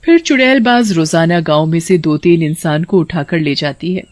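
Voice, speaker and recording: A woman narrates a children's story at an even, steady pace. Her voice sounds close and dry. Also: fairly low pitch, normal speed, dry recording.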